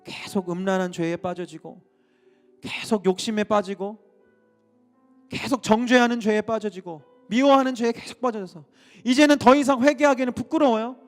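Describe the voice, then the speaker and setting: High pitched pastor guy preaching hard, lots of questions to the crowd, soft music under it. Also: moderate pace. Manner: impassioned, many rhetorical questions. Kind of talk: sermon.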